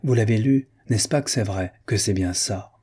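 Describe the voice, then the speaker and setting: A man's voice: lowish voice, moderate pace, warm tone, slightly rough. A man voicing a gushing, credulous princess in a read-aloud novel, with an effusive manner.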